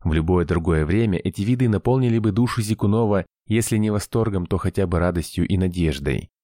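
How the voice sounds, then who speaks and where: A man narrating a science-fiction audiobook in an even, measured way. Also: sits low, dry recording, studio quality.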